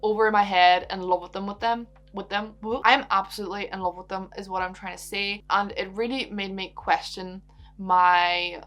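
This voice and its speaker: A young Irish woman from Donegal with an Irish accent, answering viewer questions in a relaxed home vlog, bubbly and giggly with the odd swear word. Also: mid-range voice, moderate pace. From Ireland. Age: young adult. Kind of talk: casual chatty Q&A vlog.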